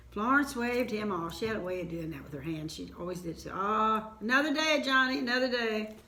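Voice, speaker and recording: An older woman with an Ozark accent telling a family story in an unhurried, homespun way, with asides. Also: fairly low pitch, echoey room.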